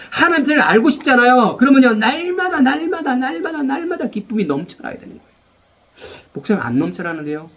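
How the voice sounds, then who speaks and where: A man preaching a sermon as pastor, animated, repeating phrases and leading the congregation in call-and-response. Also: extremely high pitch.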